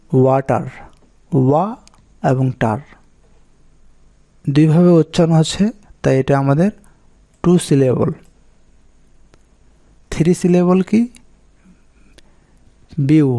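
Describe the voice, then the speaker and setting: A Bengali-speaking man teaching English pronunciation rules, calmly working through examples one at a time. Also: fairly high pitch, gravelly. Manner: steady, methodical, lists examples one by one.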